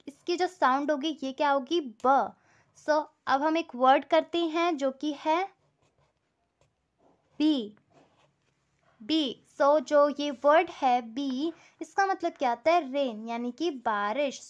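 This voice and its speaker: Slow, high-voiced woman teaching a language. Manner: patient, explains slowly with repeated examples. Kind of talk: step-by-step language lesson.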